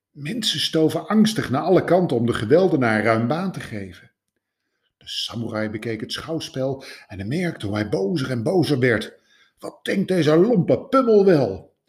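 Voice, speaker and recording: A man narrating a fable in a slow, measured storytelling voice. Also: medium pitch.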